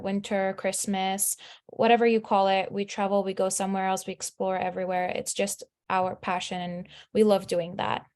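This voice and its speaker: A young woman from Lebanon talks through her slides on a video call. Her delivery is chatty and upbeat, loose with fillers. Her pitch sits in an ordinary middle range. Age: 20s. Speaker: student speaker. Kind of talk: casual presentation over a video call.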